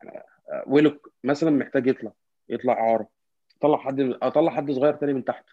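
Casting: Egyptian-accented man, quick but halting casual sports talker, dry, slightly muffled lo-fi sound. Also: mid-range voice, fairly even intonation, no room sound. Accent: Egyptian Arabic. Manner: halting, repetitive, often searching for words. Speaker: football fan commentator. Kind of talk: casual football discussion.

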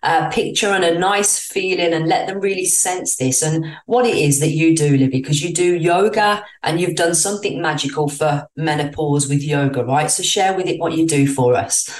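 A woman's voice: low-pitched, moderate pace, hardly any pauses. A woman with a British accent hosting a podcast interview, speaking in an effusive, gushing way full of spiritual phrasing. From Britain. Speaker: podcast host. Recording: roomy echo, distant from mic.

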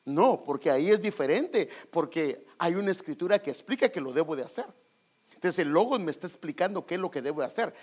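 A man preaching a sermon to his congregation, animated and emphatic, acting out quoted voices and calling them brothers. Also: on the high side, a little fast. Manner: acts out quoted voices, rising to loud emphatic peaks. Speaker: pastor.

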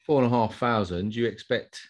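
A man's voice: fairly low pitch, brisk. A man with an Essex accent co-hosting a casual football chat in matey, slangy, colloquial speech. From Essex, England. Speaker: podcast co-host.

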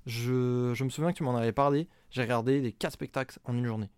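A man co-hosting a podcast in casual chat, joking and teasing with quick reactions. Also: mid-range voice, steady tone, darkish tone, clean tone, no echo, studio quality. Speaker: podcast co-host.

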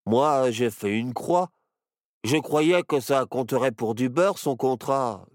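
A man's voice: mid-range voice, takes it slowly, no echo, clean studio sound, voice pushed up, close to an everyday voice. A man voicing a young boy turned into a bear cub, a grumbling joker, in a storybook reading. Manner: jokey and grumbling.

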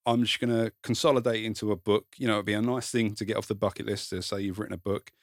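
A man's voice: lowish voice, flat delivery, fast, no echo, studio quality. A man from Kent with a south-east English, Essex-like accent, talking casually and modestly about himself as an interview guest. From Kent, England. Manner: self-deprecating, informal, swears. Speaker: podcast guest, content creator and author. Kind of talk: casual conversation, personal storytelling.

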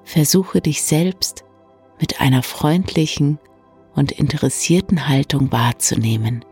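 A person gently guiding an evening relaxation in a soft, hushed, soothing voice with long pauses. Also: medium pitch, slightly rough. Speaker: meditation guide and bedtime story reader. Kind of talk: soft, soothing guided meditation for bedtime. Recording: soft new-age music bed. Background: calm new-age music.

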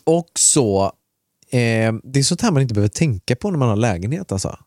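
A man co-hosts a podcast and tells a rambling everyday story in a loose, conversational way. His voice sits in a middle register. He leans on filler words and drops in casual swearing, and the sound is close and dry with no room echo. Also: medium pitch. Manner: relaxed and chatty, with frequent filler words and mild swearing. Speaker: podcast co-host. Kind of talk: casual chat, telling an anecdote.

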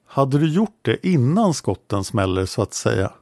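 Man reading police inspector, probing, gravelly, dry close sound. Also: medium pitch, sing-song, a little mellow, no echo. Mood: questioning. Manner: probing, repeats answers back as questions. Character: male police inspector questioning a witness. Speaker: interrogator in a read-out police protocol.

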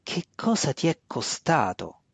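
A man reading an audiobook, voicing a young male dark elf who answers back with anger and defiance. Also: fairly high pitch, huge pitch swings, unhurried, creaky, husky, no echo, exaggerated voice. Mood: defiant. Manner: defiant, angry, shaken.

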